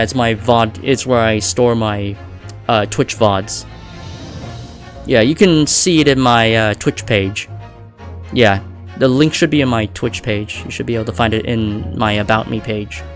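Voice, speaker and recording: A man chatting casually as he streams a video game. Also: medium pitch. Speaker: live streamer.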